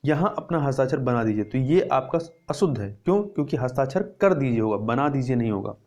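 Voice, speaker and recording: A man's voice: mid-range voice, animated, fairly quick, darkish tone. A man teaching Hindi grammar, going through test answers and repeating words to stress the correct spelling.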